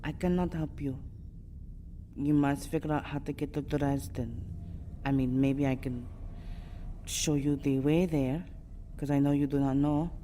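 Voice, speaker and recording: A woman acts as a low-voiced, mellow female vampire, guarded but seductive, in an intimate ASMR roleplay. Speaking at a measured pace with a steady tone and long pauses, she delivers formal, dramatic lines, often in a breathy whisper, sounding resigned and firm. Soft ambient sound and faint noise linger in the background.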